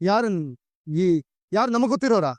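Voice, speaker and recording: An actor in a TV serial playing an alarmed husband who fires urgent questions. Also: male voice, sits high, expressive, normal speed, no room sound. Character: alarmed husband demanding answers on phone. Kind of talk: Kannada TV serial acting.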